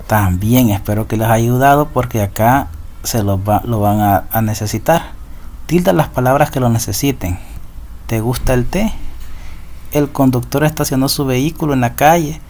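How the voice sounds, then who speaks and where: Over slight background noise, a man teaches a recorded lesson in a Central American Spanish accent, his voice medium in pitch and darkish. He patiently walks students through the rules, repeating them and asking ¿verdad? often.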